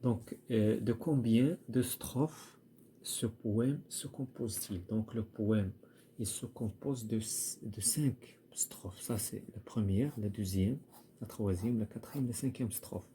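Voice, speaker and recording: Slow, hesitant man. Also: fairly low pitch, mellow, a little hiss or hum. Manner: hesitant, repeats words, many fillers. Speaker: primary school French teacher. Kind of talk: recorded lesson walkthrough.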